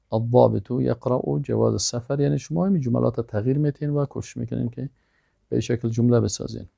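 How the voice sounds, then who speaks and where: A man's voice: medium pitch, gravelly, warm tone, no echo. A man teaching an Arabic lesson. He reads out words one at a time, then explains them in plain everyday speech. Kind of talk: language lesson with pronunciation drills.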